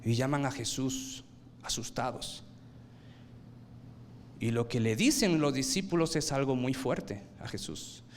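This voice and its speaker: A man preaching a sermon, swinging from loud emphatic bursts to low quiet lines and asking his listeners rhetorical questions. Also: a little slow, pauses often, a little hiss or hum.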